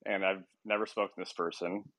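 A young man with a lowish voice talks casually as a podcast host. He rambles, pokes fun at himself and laughs a lot. The sound is close and dry, and he seems a bit worn out. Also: level tone, fast, fairly bright tone, no echo. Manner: rambling, self-deprecating, laughs often. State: tired. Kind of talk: casual chat.

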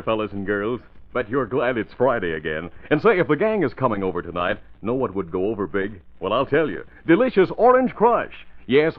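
Chipper 1950s radio ad man, swooping pitch. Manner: folksy, enthusiastic, emphatic selling to youngsters. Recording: old radio broadcast, thin narrow band.

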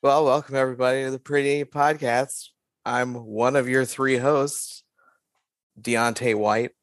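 A man hosting a casual sports podcast, playful and quick to laugh. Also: mid-range voice, steady tone. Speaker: podcast host. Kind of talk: casual chat.

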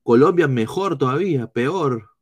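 A man with a Peruvian accent doing live football analysis, reading chat comments in a blunt, swearing style with halting restarts. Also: medium pitch, animated, darkish tone, husky. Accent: Peruvian Spanish. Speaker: football streamer.

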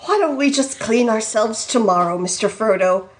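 A woman's voice: fairly high pitch, lively intonation, normal speed, slight background noise, natural voice. A woman voicing a devoted young male hobbit, reading his lines in an exaggerated way. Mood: tender.

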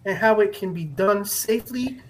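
A man's voice: high voice, normal speed, a little hiss or hum. A man hosting a podcast in casual chat, joking and profane and laughing often. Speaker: podcast host.

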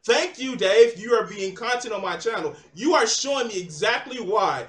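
A man with a notably high voice hosts his channel and spends the talk mocking and needling the other person. His speech is profane and goading, laced with sneering asides. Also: lively intonation, normal speed, fairly bright tone. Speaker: channel host. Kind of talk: heated call argument.

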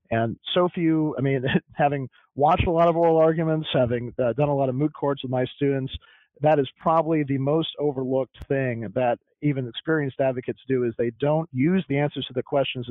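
A man lays out his argument step by step, the steady voice of a lawyer who also teaches. His voice sits at a middle pitch with no room around it. The sound is narrow and tinny, as if heard over a phone. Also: no room sound. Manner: measured, methodical, emphatic. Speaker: appellate lawyer and law teacher. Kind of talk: explanatory podcast discussion.

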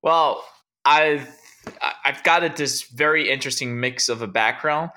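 Speaking as an interview guest, this Brazilian tech founder rambles casually, restarting sentences and saying "like" a lot. He has a medium-pitched, pushed, bright voice and a moderate pace.

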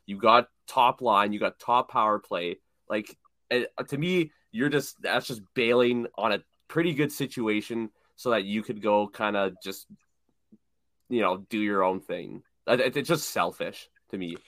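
A young man co-hosting a casual sports podcast, talking in an animated, opinionated way and repeating words when he gets worked up. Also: fairly low pitch, a little slow, dry recording, studio quality. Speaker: podcast co-host.

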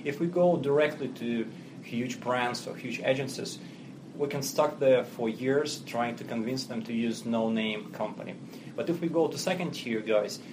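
Here a company chief from Russia is interviewed on a podcast, his medium-pitched voice carrying a Russian accent against background noise. He keeps things businesslike and plain, with fluent but non-native phrasing and lots of filler words.

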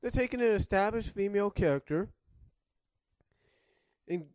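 A man's voice: high-pitched, lively intonation, moderate pace, a little mellow, smooth, no room sound. A man reviewing cartoons in casual commentary, rambling and circling back to rephrase, coughing now and then with a cough drop in his mouth.

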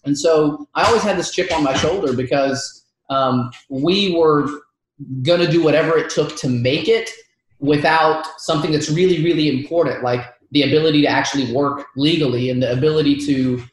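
With a fairly high voice and a moderate pace, this podcast guest, a thirtysomething man from Georgia, USA, who grew up speaking Arabic, chats and laughs his way through his story in a relaxed interview. There's a little hiss or hum and a very echoey room.

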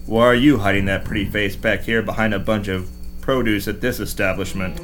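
A performer voicing a cocky, hardboiled space detective with gruff 1940s tough-guy wisecracks. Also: deep voice, fairly even intonation, brisk, natural voice. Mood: wisecracking. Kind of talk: parody radio-play acting. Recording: music bed under voice.

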